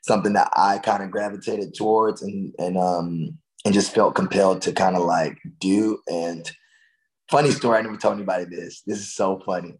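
A man's voice: low-pitched, steady tone, normal speed, poor audio. A man in his twenties, a worship leader, talking casually in an interview with lots of fillers. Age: 20s. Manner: loose, chatty, full of likes and you-knows.

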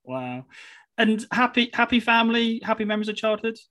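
Bright, higher-pitched British male radio host. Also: very animated, a little fast. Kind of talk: radio interview presenting.

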